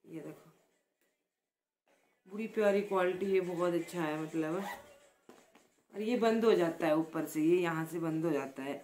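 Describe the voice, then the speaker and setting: Soft-spoken chatty Indian woman vlogger. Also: lowish voice, unhurried, long pauses, a little hiss or hum. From Himachal Pradesh, India. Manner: chatty and affectionate, repeats words of praise; speaks softly, close to the mic. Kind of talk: casual vlog, showing gifts.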